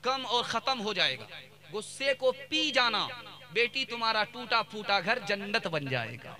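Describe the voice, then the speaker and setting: A man's voice: high-pitched, very animated, unhurried, pushed and bright, heavily acted. Preacher voicing an earnest advising mother. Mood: tender counsel. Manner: earnest, repetitive counsel. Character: gentle mother advising her married daughter.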